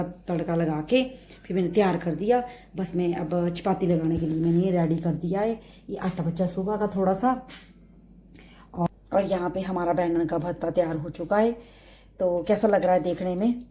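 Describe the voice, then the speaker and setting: A woman from India chatting in her home kitchen for a casual cooking vlog, recorded on a phone. Her voice sits a little low and sounds mellow and warm. She rambles, with lots of fillers and restarts. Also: slight background noise. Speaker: vlogger.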